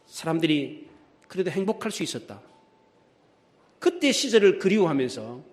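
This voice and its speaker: A middle-aged man preaching a sermon in a church, telling stories vividly, swinging from loud exclamations to hushed, low lines. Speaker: pastor. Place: church sanctuary.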